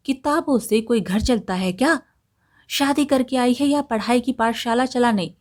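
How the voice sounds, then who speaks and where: A stern middle-aged mother-in-law who nags and commands without pause, voiced by a woman reading a story aloud. Her scolding comes at a slow, deliberate pace, harsh and domineering throughout. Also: mid-range voice, close to an everyday voice. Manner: harsh, nagging, bossy.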